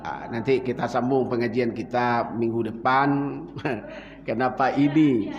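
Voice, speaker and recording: An older man with a Minangkabau accent giving a dawn sermon in a mosque. He tells the story in a folksy, animated way and speaks straight to his listeners. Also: medium pitch, unhurried, crowd noise. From West Sumatra, Indonesia. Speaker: preacher. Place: mosque prayer hall. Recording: dull, reverberant mosque sound.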